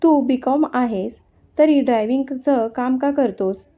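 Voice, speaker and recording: A woman's voice: high-pitched, unhurried. A woman voicing a young working woman who has run away from home, speaking with urgent questions in a story reading. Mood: questioning. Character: young woman, runaway office worker, impatient then friendly. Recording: dull lo-fi sound.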